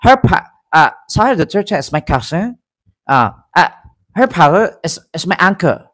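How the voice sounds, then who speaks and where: A man voicing an apologetic adult man who stumbles through halting explanations in English, speaking softly. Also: high-pitched, sing-song, exaggerated voice. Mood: sheepish.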